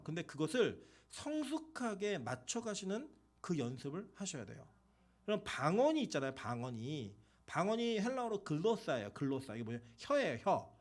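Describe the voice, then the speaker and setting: A man preaching with a voice that sits high for a man and leaps up and down in pitch. His sermon is conversational and animated, throwing out questions to the congregation. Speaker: pastor.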